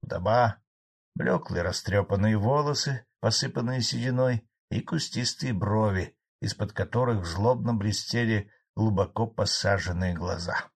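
A man reading a novel in the first person, calm, measured and a little dry. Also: fairly low pitch, breathy edge. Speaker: audiobook narrator.

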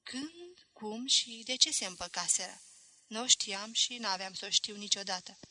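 A woman narrating a novel for an audiobook, measured and expressive. Her voice is very bright and clear-edged, recorded close and dry with no room sound. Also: medium pitch, no room sound. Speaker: audiobook reader.

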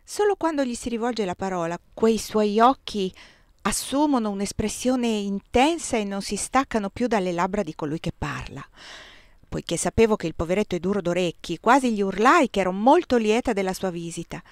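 Audiobook reader, woman, measured first-person narration with expressive shifts, mid-range voice, dry close recording. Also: medium pitch, no room sound.

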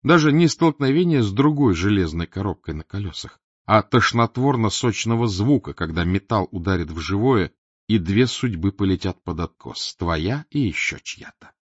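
A man reading an audiobook aloud in an expressive, dramatic narration style. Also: fairly low pitch, moderate pace, husky, no echo. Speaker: audiobook reader. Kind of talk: scripted narration. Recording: dull dry lo-fi recording.

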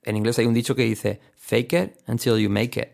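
Un hombre con acento de España que da una lección de pronunciación inglesa en audio, de forma juguetona, repitiendo ejemplos y haciendo imitaciones. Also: male voice, mid-range voice, steady tone, moderate pace, creaky, a little mellow. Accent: Spain Spanish. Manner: playful, explains with mock examples and repetition. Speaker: English teacher. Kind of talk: recorded audio lesson.

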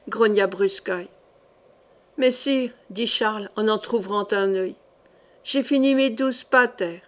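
A woman reads a historical novel aloud, her voice sitting a little on the high side. She tells the story at a steady pace and gives the characters a light, expressive touch. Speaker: audiobook reader.

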